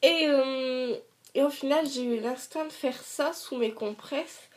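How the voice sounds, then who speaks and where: A woman's voice: sits high, normal speed, a little mellow. A young woman chatting casually to camera as a vlogger, retelling her story in colloquial language with sarcastic asides and acted-out dialogue.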